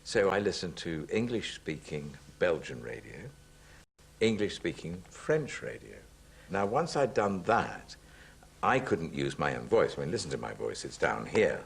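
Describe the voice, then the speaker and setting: A man, an actor, telling animated stories about his work in a reflective documentary interview. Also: low-pitched, unhurried, creaky, husky. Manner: animated, anecdotal storytelling.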